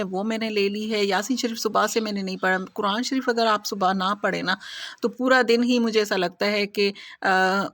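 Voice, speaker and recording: A woman's voice: mid-range voice, no room sound, clean studio sound. A middle-aged woman, chatting casually to viewers in a home vlog while she cooks and tidies. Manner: chatty, homely, talks to viewers while working. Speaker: home vlogger.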